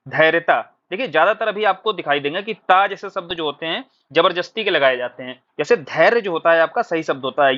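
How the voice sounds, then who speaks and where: A man teaching a recorded exam-prep lesson, explaining patiently and asking questions before answering them himself. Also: on the high side. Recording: dull lo-fi recording.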